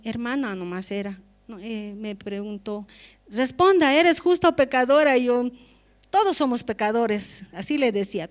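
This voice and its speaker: Woman giving church testimony, high voice. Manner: conversational, frequent rhetorical questions and "¿no?".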